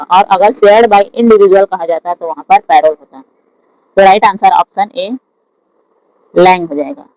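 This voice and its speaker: An exam prep teacher who reads each English question aloud slowly and then explains the answer in Hindi. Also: mid-range voice, a little mellow, no echo, poor audio. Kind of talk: lecture solving exam questions.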